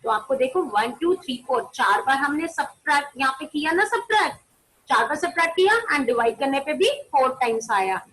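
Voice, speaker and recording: High-voiced teacher woman, online maths class. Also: expressive, fairly quick, a bit bright, poor audio. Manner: mixes Hindi and English, asks pupils questions and answers them herself; calls pupils by name to turn on their cameras. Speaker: primary school maths teacher. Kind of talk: online class on a video call.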